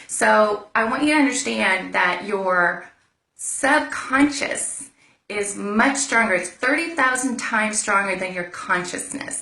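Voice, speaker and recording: A woman's voice: mid-range voice, sharp tone. A woman giving a casual motivational talk on a live stream, chatty and repeating herself as she goes. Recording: roomy echo.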